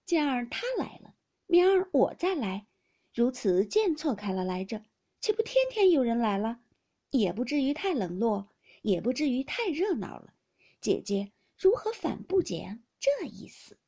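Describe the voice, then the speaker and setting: A woman voicing a sharp-tongued young woman who teases and needles sarcastically in a storybook reading. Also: fairly high pitch, big pitch swings, unhurried, full character voice. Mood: teasing. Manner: teasing, needling.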